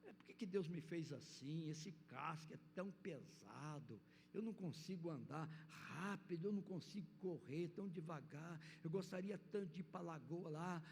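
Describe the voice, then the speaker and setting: A man voicing a sad, slow female tortoise who laments and cries, telling a story in a church hall. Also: on the high side, creaky, darkish tone. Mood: lamenting. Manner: plaintive, lamenting. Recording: reverberant church hall, faint noise.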